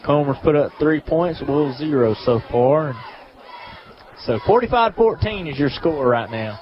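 Man calling high school football. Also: expressive, measured pace, slight background noise. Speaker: play-by-play announcer. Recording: muffled lo-fi broadcast with faint crowd.

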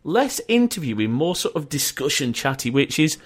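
A man's voice: a little high, very animated, normal speed, husky. Chatty northern English man hosting. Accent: northern English, Yorkshire. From North of England. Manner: chatty and rambling, joking asides. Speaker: podcast host. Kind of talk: casual podcast chat. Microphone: voice-over-IP call.

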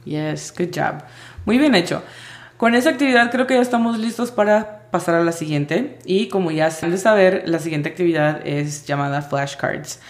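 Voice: medium pitch, moderate pace. A language teacher giving a spoken lesson, patiently spelling out sounds letter by letter. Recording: roomy echo.

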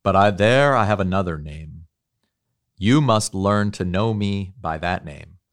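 A man reading aloud the lines of a wise, gentle great lion who speaks tenderly to children. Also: low voice, measured pace.

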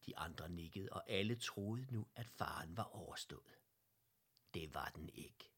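A man reading a children's story aloud, gently and slowly, sometimes dropping to a whisper. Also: low voice, animated, slightly rough. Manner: gentle, slow, slips into whispers.

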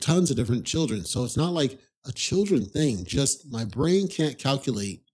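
Husky-voiced man telling a rambling story. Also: medium pitch, warm tone. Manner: rambling, conversational, frequent "you know" asides. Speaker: podcast host. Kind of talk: casual storytelling monologue.

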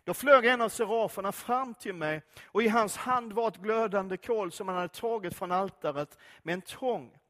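A man with a high-pitched voice preaches a sermon, moving between scripture readings and loose, conversational asides. He speaks straight to his listeners and keeps asking them questions. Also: few pauses, a bit bright. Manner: conversational, filler-heavy, asks listeners direct questions.

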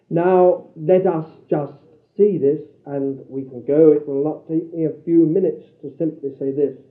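A man preaching with slow, deliberate weight, his voice a little high for a man. He swings from ringing declarations down to hushed asides. The sound is thin and tinny, like an old tape heard in a roomy hall. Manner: dramatic, swinging from loud declarations to hushed low phrases; slow, deliberate, repeating phrases for emphasis. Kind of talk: sermon.

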